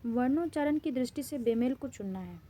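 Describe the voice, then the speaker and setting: A woman's voice: high voice, expressive, a little fast, dark tone. A woman Hindi grammar teacher with an Indian accent, giving a classroom-style lesson in which she poses questions and then answers them, repeating key terms.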